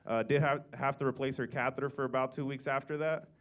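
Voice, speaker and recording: A man's voice: medium pitch, steady tone, fast talker. A young man doing a stand-up set in a comedy club, dry crowd work that breaks into mock outrage. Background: audience laughter.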